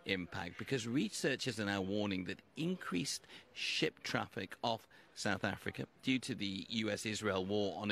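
Male news presenter, low voice, measured and conversational. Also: vocal fry, a bit bright.

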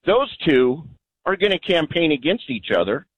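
A man's voice: a little high, big pitch swings, normal speed, slightly rough, no room sound. Male caller, rambling, questioning, muffled dry sound. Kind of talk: phone-in call.

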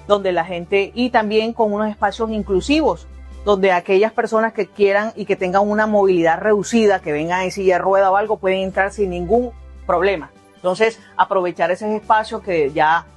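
Mujer de voz grave, tono de autoridad. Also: female voice, lowish voice. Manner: conversational with fillers and restarts. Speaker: mayor. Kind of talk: official speaking to press.

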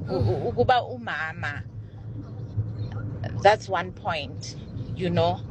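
A woman leaving a voice note that is played on air, musing in a slow, resigned, reflective way. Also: lowish voice, lively intonation. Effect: voice note recording played on air. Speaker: listener sending a voice note. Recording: noisy outdoor voice note.

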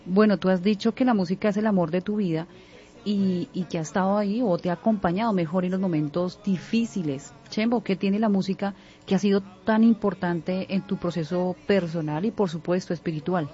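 Female co-host, mellow dark tone, measured delivery, dull recording. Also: mid-range voice, faint music behind. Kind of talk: interview question.

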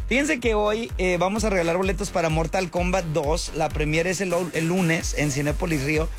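A high-voiced man hosts an evening radio show, loose and slangy. Faint music plays beneath his voice. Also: normal speed. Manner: chatty, slangy, laid-back. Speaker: radio host. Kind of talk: casual radio chat. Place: radio studio.

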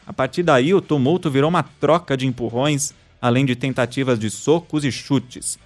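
A man's voice: mid-range voice, normal speed, faint music behind. A man hosting a news podcast, reading stories and listener messages in a scripted style. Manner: reads listener messages aloud.

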